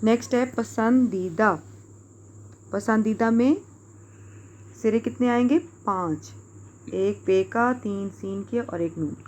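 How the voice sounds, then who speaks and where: A woman teacher with a Pakistani Urdu accent, giving a recorded lesson to young pupils, speaking clearly and patiently and spelling out words letter by letter. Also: mid-range voice, pauses often, a little mellow, a little hiss or hum.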